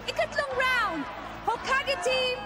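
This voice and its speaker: Cartoon tournament announcer, super high voice, formal, crowd roaring. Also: female voice, slow pace. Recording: cartoon dub with loud music and crowd.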